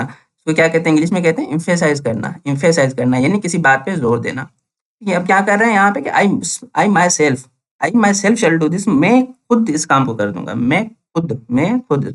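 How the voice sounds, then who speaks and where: A young man with a slightly high, slightly bright voice teaches English grammar in a classroom-style lesson, speaking Hindi mixed with Urdu words. He repeats each point and asks questions that he then answers himself.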